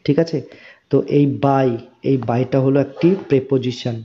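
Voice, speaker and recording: A man teaching spoken English as a lesson, slowly repeating each phrase and explaining it word by word. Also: medium pitch, little pitch movement, a little hiss or hum. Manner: slow, deliberate repetition of phrases with word-by-word explanation. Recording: dull, lo-fi recording.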